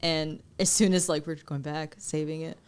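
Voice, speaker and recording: A woman's voice: low-pitched, steady tone, normal speed, clear, resonant tone. A young woman co-hosting a podcast, talking casually about editing and laughing often as she tells stories. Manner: chatty, laughs often while telling stories. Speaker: podcast co-host and film editor. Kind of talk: casual chat.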